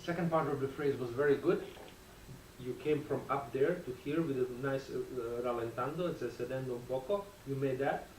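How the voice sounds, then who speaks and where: A man's voice: mid-range voice, a little fast, a little mellow, a little hiss or hum. A man teaching a guitar masterclass, encouraging his student and singing phrases to show the line. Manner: encouraging, sings phrases to demonstrate. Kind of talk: masterclass coaching. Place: convention room, heard from a distance. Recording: roomy, distant sound with guitar playing. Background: guitar playing.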